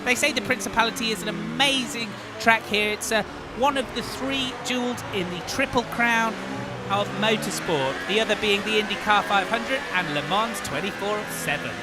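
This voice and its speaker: A man's voice: high voice, moderate pace, loud music behind the voice. A man presenting and commentating on motorsport in an exclamatory, showy delivery.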